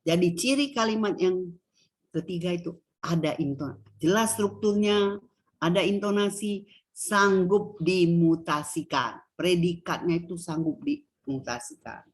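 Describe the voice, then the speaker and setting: A woman's voice: fairly low pitch, measured pace. A middle-aged woman gives a university lecture, quizzing students and stressing key words with a rising voice. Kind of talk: classroom lecture on Indonesian grammar.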